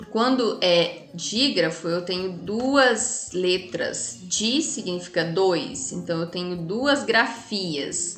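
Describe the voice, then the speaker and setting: A woman teacher with a Brazilian Portuguese accent, explaining a lesson casually to children and often checking with tag questions. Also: lowish voice. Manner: chatty, frequent tag questions. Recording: echoey room with faint music.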